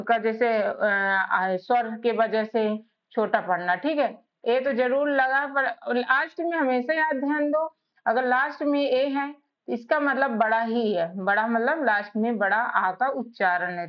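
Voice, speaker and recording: A woman teaching a spelling lesson, spelling out letters one by one in a slow, patient way. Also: a little high. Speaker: English teacher. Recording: slightly dull lo-fi recording.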